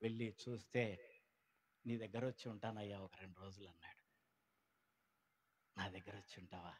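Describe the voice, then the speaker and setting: A man telling his conversion story at a gospel meeting, swinging between loud outbursts and hushed lines and acting out the people he quotes. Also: lowish voice, flat delivery, normal speed, slight background noise. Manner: acts out quoted people in changed voices. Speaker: testimony speaker at a gospel meeting. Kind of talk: emotional church testimony. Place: church meeting.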